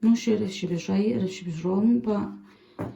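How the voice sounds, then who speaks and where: A woman's voice: mid-range voice, moderate pace, vocal fry, roomy sound, highs cut off. Chatty woman reading tarot cards. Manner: chatty, animated, swears casually. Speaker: tarot reader.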